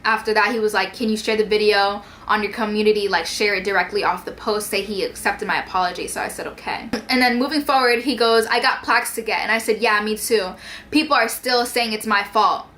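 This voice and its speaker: Bright-voiced young woman telling a story. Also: mid-range voice, steady tone, brisk. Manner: heavy use of "like", reads out text messages. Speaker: YouTuber. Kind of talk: casual storytime vlog.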